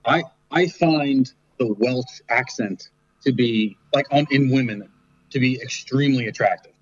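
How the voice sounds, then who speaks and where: New guy guesting over a call: husky, dull lo-fi sound, stumbles over his first words. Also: medium pitch, measured pace, no room sound. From New York. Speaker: podcast guest. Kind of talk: casual podcast banter. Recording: dull online call audio.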